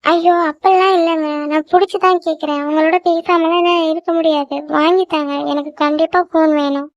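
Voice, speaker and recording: A woman voicing a young cartoon wife who pleads and gets upset easily, with a whiny, squeaky voice. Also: steady tone, brisk, dry recording, muffled recording. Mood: pleading.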